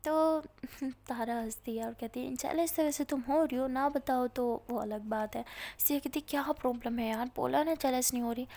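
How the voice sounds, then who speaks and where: A woman's voice: high voice, normal speed, dark tone. A woman with an Indian accent casually narrating a college love story and speaking the characters' lines herself.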